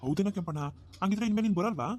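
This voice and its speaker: A man's voice: high-pitched, expressive, very fast, background noise. A man voicing a nosy, pushy village drinking buddy in a cartoon. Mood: prodding. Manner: prodding, nosy. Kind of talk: cartoon dubbing.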